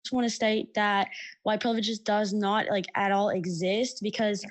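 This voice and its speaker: A woman's voice: medium pitch, fairly even intonation, normal speed. A woman calling into a casual group discussion, hesitant and apologetic as she gives her opinion. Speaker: caller.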